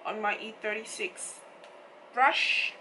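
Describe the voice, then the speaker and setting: A woman with a slightly croaky, froggy voice, chatting casually and informally as she explains a makeup tutorial step by step. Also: mid-range voice, steady tone, slow pace, noisy background. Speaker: makeup vlogger.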